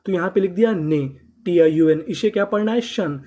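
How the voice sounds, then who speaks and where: A woman teaching English reading to learners, spelling words out letter by letter, asking her own questions and answering them, and slowly repeating each syllable and word. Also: lowish voice, mellow. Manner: slow drilling repetition of syllables and words.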